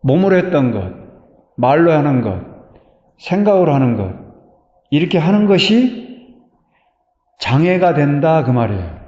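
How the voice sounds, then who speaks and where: A man's voice: a little high, very animated, measured pace, long pauses, darkish tone. A man giving a Buddhist dharma talk in a temple hall, speaking conversationally and putting rhetorical questions to his listeners. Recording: dull, echoey hall recording.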